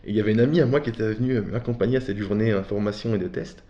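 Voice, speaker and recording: Speaking at a racing pace in a lowish, dark voice, this man from Belgium chats casually as an interview guest, telling personal stories candidly and with plenty of slang. The sound is dull and echoey, like a roomy space.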